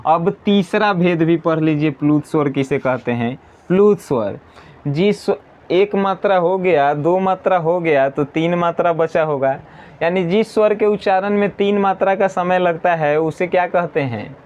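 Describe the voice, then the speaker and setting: A man teaching an exam-prep grammar lesson, slowly repeating definitions and answering his own questions. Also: high voice, a little mellow.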